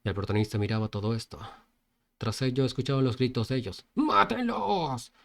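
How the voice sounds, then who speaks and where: A man narrating a comic story in a relaxed, informal way, with small slips and spoken sound effects. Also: lowish voice, fast talker, a little hiss or hum.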